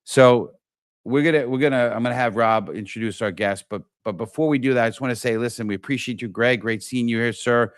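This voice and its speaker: A man's voice: medium pitch, a little fast, no echo. Dry, eager male talk-show host. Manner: enthusiastic, repetitive, many restarts. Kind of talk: live-stream talk show hosting.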